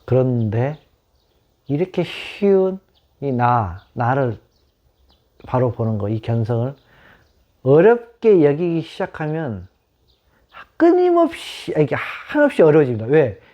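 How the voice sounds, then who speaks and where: A man's voice: mid-range voice, sing-song, unhurried, pauses often, warm tone. A man giving a Buddhist dharma talk to a small group, questioning them and repeating key words. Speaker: meditation teacher. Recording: dull lo-fi sound.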